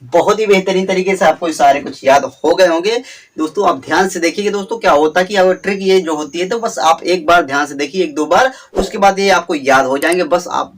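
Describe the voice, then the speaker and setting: Male teacher, slightly high, repetitive drilling delivery, a bit off-mic. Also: distant mic, a little hiss or hum. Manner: repetitive, drawn-out emphasis, frequent "theek hai". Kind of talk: exam memory-trick lesson.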